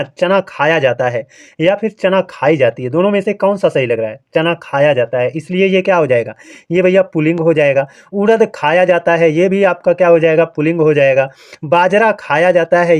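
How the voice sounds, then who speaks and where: High-voiced male grammar teacher, lo-fi. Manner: explains step by step, checks in with the listener. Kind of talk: exam-prep grammar lesson.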